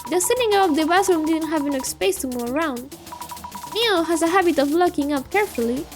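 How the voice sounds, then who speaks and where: A woman's voice: very high voice, expressive, fairly quick, faint music behind. A woman voicing a hesitant young assistant detective, reading a visual novel aloud while thinking things through tentatively. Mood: puzzling.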